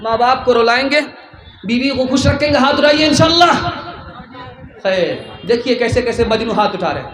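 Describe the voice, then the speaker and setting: A man preaching a sermon to a gathering, impassioned and rising to shouts. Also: very high-pitched, animated, a little hiss or hum. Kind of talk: sermon with sung verses. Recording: echoey hall with faint ambience.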